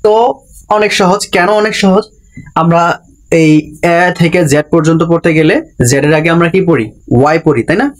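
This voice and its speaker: Male teacher, somewhat high voice, patient, repeats and quizzes students, classroom lesson delivery. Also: a little fast, long pauses. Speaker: Japanese language teacher. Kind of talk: classroom-style lesson explanation.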